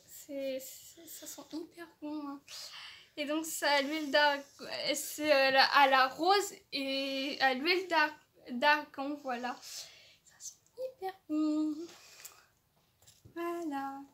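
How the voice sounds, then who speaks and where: A woman's voice: high voice, fairly even intonation, takes it slowly, fairly bright tone. A woman casually showing off beauty products from an advent calendar, hesitant, with many fillers and restarts, and enthusiastic about each item. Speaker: beauty vlogger.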